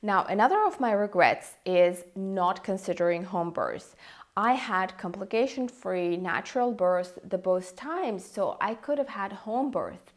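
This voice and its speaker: A woman in her thirties giving a personal advice monologue in a reflective, regretful manner, as if talking to viewers. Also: medium pitch. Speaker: video creator sharing pregnancy advice.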